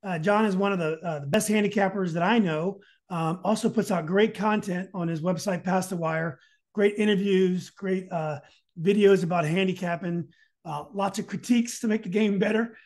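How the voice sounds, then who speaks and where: A man's voice: sits high, normal speed, darkish tone. A man hosting a casual podcast interview, hesitant and often searching for his words.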